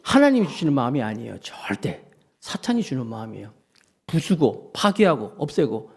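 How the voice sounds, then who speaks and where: A male pastor giving a lively sermon, acting out grumbling voices and asking his congregation questions. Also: medium pitch, brisk, gravelly, slightly rough.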